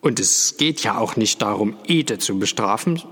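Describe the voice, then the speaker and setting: A man voicing a calm, reasonable father in a storybook reading. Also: on the low side, normal speed, breathy edge. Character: calm father, forced cheerfulness. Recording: long hall reverb.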